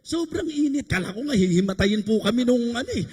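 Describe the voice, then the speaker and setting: A man's voice: very high-pitched, expressive, fast talker, a little mellow, breathy edge. A man from the Philippines preaching a sermon, bantering and joking with the congregation between points. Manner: joking, conversational preaching with rhetorical asides to the congregation. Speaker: bishop preaching. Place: church service abroad. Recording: echoey church hall.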